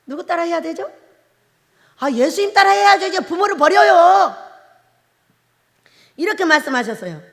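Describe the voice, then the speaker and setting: A woman's voice: extremely high pitch, lively intonation, normal speed, creaky, long pauses. A woman pastor from Korea's Jeolla Province preaching a sermon, emphatic and firing rhetorical questions at the congregation. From Jeolla Province, South Korea. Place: prayer retreat chapel. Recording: long reverb of a large hall.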